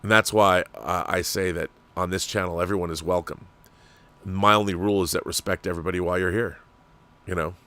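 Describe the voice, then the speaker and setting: Brisk and forceful, with a low, bright voice and steady tone, an American man from Washington state runs a livestream. He talks to viewers casually and discursively, sharing opinions, reading out and responding to their messages, and asking rhetorical questions.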